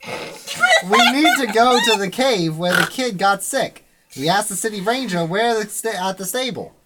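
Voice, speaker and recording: Player briskly reading a game recap. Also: mid-range voice, animated, noisy background. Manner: brisk, list-like reading with asides. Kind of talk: casual recap of a tabletop game.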